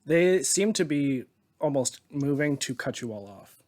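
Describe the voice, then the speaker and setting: A man running a tabletop game as game master, narrating scenes in a relaxed, descriptive way and chuckling often. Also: medium pitch, a little slow.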